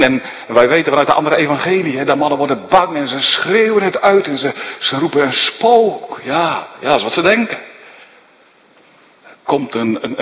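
A man's voice: fairly high pitch, pushed and bright. A man dramatically retelling a Bible story, asking his listeners rhetorical questions as a preacher. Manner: vivid, asks listeners rhetorical questions, tag "hè". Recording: long reverb of a large hall.

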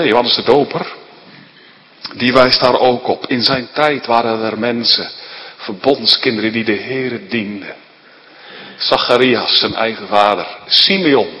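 A man preaching a sermon, emphatic and deliberate, asking his listeners rhetorical questions. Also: mid-range voice, a bit bright. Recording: long hall reverb.

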